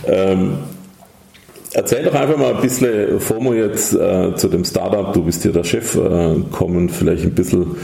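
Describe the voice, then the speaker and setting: A man's voice: low-pitched, fairly even intonation, moderate pace, creaky, dark tone, reverberant. A man hosting a casual interview, asking rambling questions with hesitations. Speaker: interview host.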